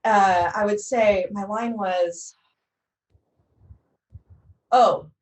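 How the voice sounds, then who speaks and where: The woman tells her story with animated flair and acts out her lines as she goes. Her voice sits at a middle pitch. She is heard over a video call, set back from the mic in a roomy, echoing space. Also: very slow, far from the mic. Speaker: actor panelist. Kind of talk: casual anecdote on a virtual panel.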